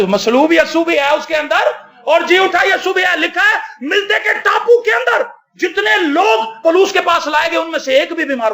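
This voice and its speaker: A man delivers an impassioned sermon, his voice pitched unusually high. He speaks with a lilt, stacks up rhetorical questions and breaks into shouts at the peaks. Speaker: pastor.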